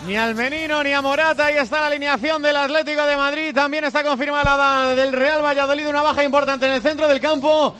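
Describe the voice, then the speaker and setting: A man giving a brisk match preview on live radio. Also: very high voice, fairly even intonation, sharp tone, faint music behind. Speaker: radio sports reporter.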